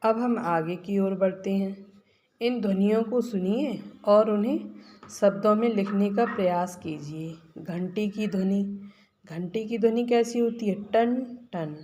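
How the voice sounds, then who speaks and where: A woman's voice: mid-range voice, unhurried, warm tone, a little hiss or hum. A woman teacher going through workbook answers for children, patiently asking questions and then answering them herself. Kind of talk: classroom lesson explaining workbook answers.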